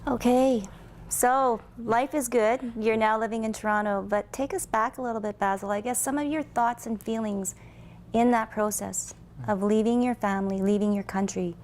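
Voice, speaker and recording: A woman's voice: on the high side, fairly even intonation, normal speed, a little mellow, a little hiss or hum. A woman hosting a TV studio interview, asking encouraging questions. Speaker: TV host.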